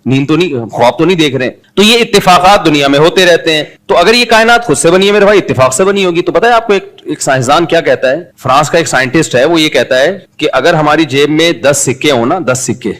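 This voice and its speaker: A middle-aged man gives a religious sermon. His voice sits a little high for a man. He moves between slow, chanted recitation and relaxed, chatty explanation full of rhetorical questions. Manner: recites Quranic Arabic slowly, then speaks conversationally with rhetorical questions. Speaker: preacher.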